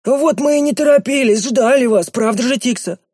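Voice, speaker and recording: Lenny, a high wheedling sly servant. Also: male voice, moderate pace, darkish tone, husky, no room sound, clean studio sound. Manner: wheedling, excuse-making, stammers when scared. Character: sly fawning red-haired male servant, wheedling.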